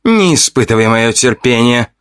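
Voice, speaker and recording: A man's voice: mid-range voice, lively intonation, normal speed, a bit bright, clean tone, no echo, studio quality, voice pushed up, lightly acted. A man voicing an angry, proud female elf goddess in an audiobook, snarling commands.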